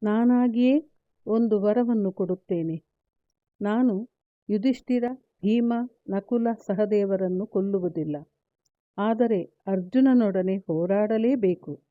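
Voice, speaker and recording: Woman narrator voicing a grave warrior son, slow measured delivery, dry tinny sound. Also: medium pitch, no room sound, natural voice. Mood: resolute. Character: grieving noble male warrior son, resolute. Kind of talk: read-aloud epic storytelling.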